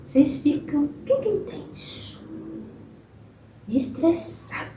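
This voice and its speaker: Brief: a woman playing an old grandmother spirit with a Brazilian accent, high and lilting, unhurried motherly counsel, soft whispers, roomy distant sound. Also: very animated, exaggerated voice. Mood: tender. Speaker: spirit medium. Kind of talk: channeled spiritual message. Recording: roomy distant recording with faint hiss.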